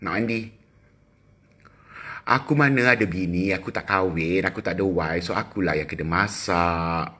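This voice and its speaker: A middle-aged man with a Malaysian accent, chatting casually with viewers on a phone livestream, teasing and quick with asides. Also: deep voice, bright, forceful tone. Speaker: livestream host. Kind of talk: casual live chat with viewers.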